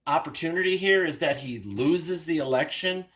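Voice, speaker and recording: A man calling into a live stream, asking earnest questions with hesitant pauses. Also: a little high, fairly bright tone, rough recording. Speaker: caller. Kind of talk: casual live-stream call-in.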